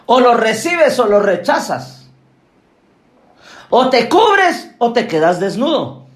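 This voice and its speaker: Forceful high-voiced male preacher. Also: very animated, takes it slowly, echoey room. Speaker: apostle preaching. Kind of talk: sermon.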